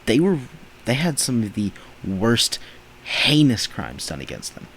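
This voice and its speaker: A man's voice: medium pitch, huge pitch swings, a little slow, fairly bright tone, a little hiss or hum, low-quality recording. A man hosting a reaction video, talking back at clips in indignant, emphatic rants. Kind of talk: reaction commentary.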